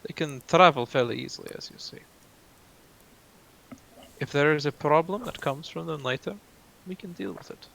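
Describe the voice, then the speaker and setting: A man's voice: a little high, moderate pace, creaky, long pauses, fairly bright tone, low-quality recording. A man arguing persuasively in character during a tabletop game on a video call. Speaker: player. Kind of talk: in-character tabletop role-play.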